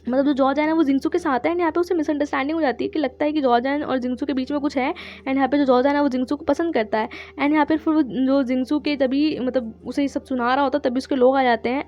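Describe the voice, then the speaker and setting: A woman's voice: high voice, darkish tone, lo-fi sound. A woman casually retelling a drama's plot in a chatty way, briefly quoting the characters' lines and using lots of filler words. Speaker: channel host retelling a drama.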